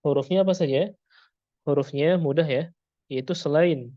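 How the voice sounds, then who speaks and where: A man's voice: a little high, normal speed, no room sound, muffled recording. A man with an Indonesian accent teaching Quran pronunciation, patiently repeating sounds and quizzing his class.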